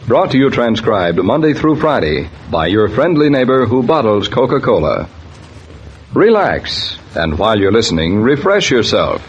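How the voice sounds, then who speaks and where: A man's voice: medium pitch, very animated, moderate pace. A man working as a radio announcer, reading a scripted sponsor message in an old-time broadcast style. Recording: dull, faintly noisy old radio recording.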